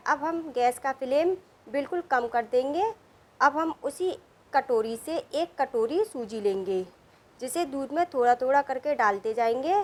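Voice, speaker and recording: A woman narrating a cooking recipe step by step in a calm, steady instructional voice-over. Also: sits high. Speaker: cooking channel host.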